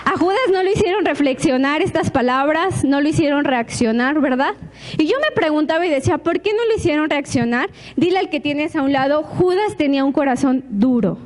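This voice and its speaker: A woman pastor, preaching a lively sermon to her congregation with frequent rhetorical questions. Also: high-pitched, brisk, a little hiss or hum.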